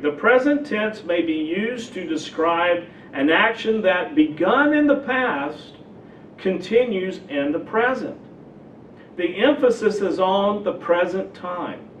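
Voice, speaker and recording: A man preaching a teaching sermon and slowly explaining examples one by one. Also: high voice, a little hiss or hum. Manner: slow, deliberate explaining with spoken examples. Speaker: pastor. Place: church sanctuary. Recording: echoey church hall, mic at a distance, dull sound.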